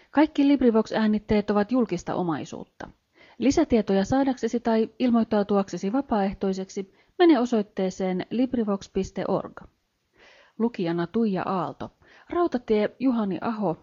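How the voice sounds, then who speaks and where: Woman audiobook narrator, mid-pitched, measured storytelling, dull lo-fi sound. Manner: steady, measured reading. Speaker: audiobook reader. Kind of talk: scripted narration. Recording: dull lo-fi home recording.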